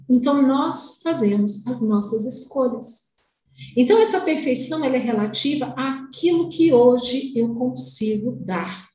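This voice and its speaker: A young woman giving a devotional spiritist lecture over a video call, earnest and measured, stretching key words slowly. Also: a little high, a little mellow. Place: home room, indoors. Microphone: webcam on video call. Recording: roomy echo, distant mic, faint hiss.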